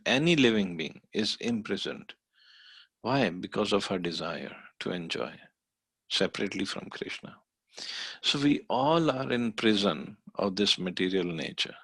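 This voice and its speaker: Low, gravelly teacher. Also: male voice, a bit bright, dry recording. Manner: explanatory, with hesitant fillers. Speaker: scripture class teacher. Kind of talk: scripture study lecture.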